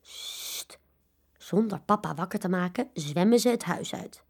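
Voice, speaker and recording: A woman reading a children's story aloud, expressive and animated. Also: on the low side, moderate pace, vocal fry, husky.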